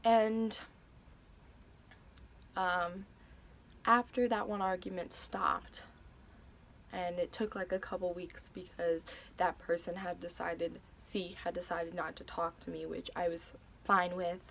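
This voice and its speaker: A woman's voice: fairly low pitch, flat delivery, slow, vocal fry, fairly bright tone, a little hiss or hum. A young woman telling a personal story in a vlog, hesitant and emotional, with many fillers and restarts. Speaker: vlogger.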